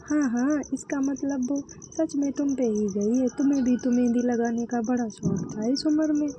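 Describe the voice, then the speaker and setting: A woman's voice: high voice, normal speed, dark tone, a little hiss or hum, natural voice. A woman voicing a middle-aged father who teases his wife in a playful, easygoing way. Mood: teasing. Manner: teasing, playful.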